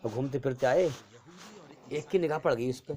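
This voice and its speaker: A male preacher telling a moral story as a sermon, in animated narration that acts out the characters. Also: mid-range voice.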